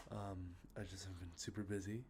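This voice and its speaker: An ASMR host with a deep voice and a congested, sniffly nose talks softly about the video games he's collected, rambling with frequent fillers and self-corrections. He's outside near traffic, and background noise comes through.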